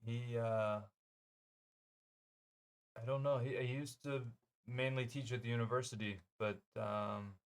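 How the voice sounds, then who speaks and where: A man game master voicing a worried middle-aged wife of a scientist, halting and full of fillers. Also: mid-range voice, steady tone, smooth, lightly acted. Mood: hesitant. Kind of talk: tabletop role-play voicing.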